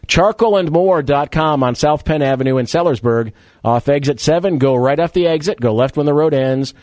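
A man's voice: on the high side, normal speed, darkish tone, no echo. Chatty male sports radio host. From Rochester, New York area. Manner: chatty, wry asides, rattling off details. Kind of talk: sports talk radio monologue and live read. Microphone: studio mic.

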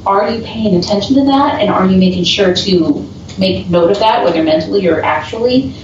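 A woman's voice: medium pitch, fairly quick, darkish tone, slight background noise. A woman, a paranormal investigator, telling stories in a casual chat over a video call. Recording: echoey, distant, dull remote audio.

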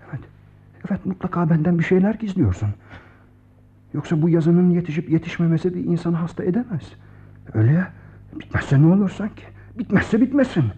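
An actor playing a steady male friend in a radio play, scolding firmly and then soothing in a hushed voice. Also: on the high side, slight background noise. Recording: dull lo-fi old radio recording.

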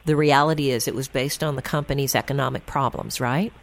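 A woman's voice: rumbling low, steady tone, a little fast. A woman hosting a call-in advice radio show, chatty and reassuring, full of fillers.

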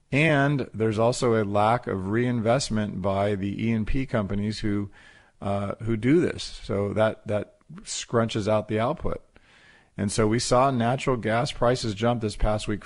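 Male finance show host, explanatory and conversational, poses questions then answers them, gravelly lower register. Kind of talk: market commentary.

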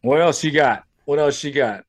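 A man's voice: a little high, normal speed. A man co-hosting a podcast in casual chat, mostly reacting to his partner with short, profane remarks. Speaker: podcast co-host.

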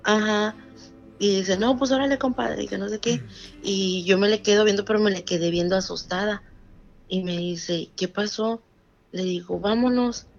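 Retelling a true scary story in conversation, this woman with a Mexican Spanish accent animatedly voices the people in it and quotes their dialogue. Her pitch is medium and her pace moderate; the sound is lo-fi with faint music behind.

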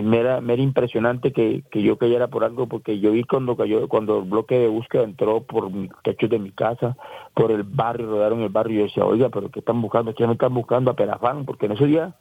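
An interviewee with a Colombian Caribbean coast accent gives an emotional first-person account, rambling, repeating and restarting his sentences and acting out the voices he quotes. His mid-range voice is gravelly and breathy. The line sounds dry, thin and tinny, like a phone call, with no room sound.

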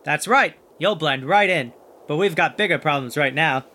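A man with a slightly high voice, talking at normal speed, plays a plucky, kindhearted, wisecracking monster hunter in a children's audio adventure, both narrating and acting. He sounds friendly, tossing out folksy exclamations and chattering animatedly to his sidekick.

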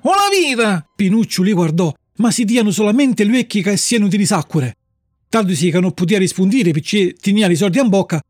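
High-voiced storyteller. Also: male voice, no room sound, studio quality. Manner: lively dialect storytelling. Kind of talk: storybook narration.

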